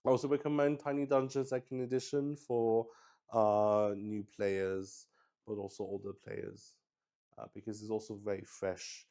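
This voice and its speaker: A man with a fairly low, mellow voice and flat delivery talks at a moderate pace while hosting a solo tabletop game stream. His casual, unscripted livestream chat rambles, and he often restarts his sentences.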